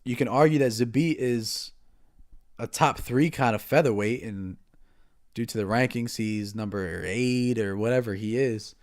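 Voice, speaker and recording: A man in casual sports-podcast chat with an average pitch. He hesitates, repeats himself, and lets his sentences trail away quietly. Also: measured pace. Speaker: podcast co-host.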